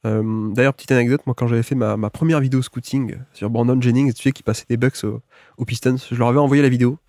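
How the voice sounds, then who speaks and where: A man hosting a casual podcast, sounding congested and a little gravelly from a cold. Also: mid-range voice, fairly even intonation, fast talker, a little mellow, no room sound, clean studio sound. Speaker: podcast host.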